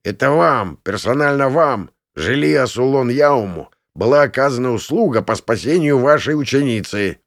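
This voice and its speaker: A stubborn male guild mage who grates out his objections and bristles for a fight, as a male narrator puts him on. His pitch swings in lively bursts, and the dry, close sound leaves the edge of each word bare. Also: normal speed, few pauses, no room sound, lightly acted. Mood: combative. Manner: grating and combative.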